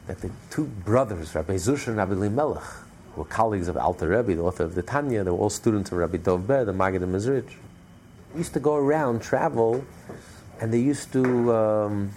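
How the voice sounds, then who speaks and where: Man, Torah storyteller, gravelly voice, dark tone, repetitive and emphatic. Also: medium pitch, slight background noise. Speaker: Torah teacher.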